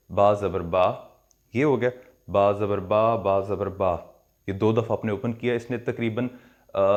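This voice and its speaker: A man with a Pakistani accent gives a recitation lesson at a middle pitch for a man. He talks through each sound step by step, slowing down to stretch and repeat syllables, and drops English words into his explanations. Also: darkish tone. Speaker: Quran recitation teacher. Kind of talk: pronunciation lesson.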